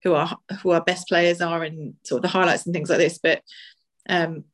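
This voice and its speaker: A woman's voice: lowish voice, flat delivery, normal speed. Chatty woman. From Essex, England. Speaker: podcast co-host. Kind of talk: casual sports discussion.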